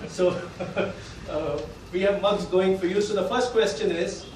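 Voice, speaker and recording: A man's voice: sits high, unhurried. A man with a South Indian accent hosting a live event informally, with a jokey, self-deprecating manner. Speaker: event host and quizmaster. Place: indoor event venue with live audience. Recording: echoey hall, distant, noisy.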